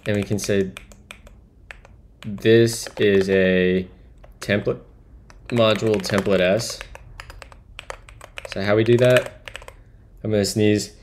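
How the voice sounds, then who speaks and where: A man with a very low voice talks slowly through his code on a live stream, musing and trailing off as he goes. Soft keyboard typing and clicks sit faintly behind him. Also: fairly even intonation, a little hiss or hum. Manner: musing, self-talking, trailing off. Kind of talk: thinking aloud while coding.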